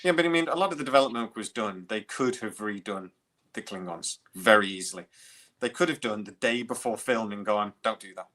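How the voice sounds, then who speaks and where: A British man hosting a podcast, chatting animatedly about a TV franchise, his voice a little worn and hoarse from talking. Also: fairly low pitch, brisk. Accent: British English. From United Kingdom. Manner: animated, chatty fan talk. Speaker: podcast host. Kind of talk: casual chat.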